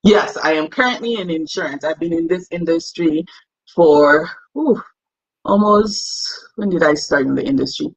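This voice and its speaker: Here the young Cameroonian woman is again an interview guest, easygoing and quick to laugh, poking fun at herself as she chats. Her voice is low and husky at a moderate pace, on a rough recording.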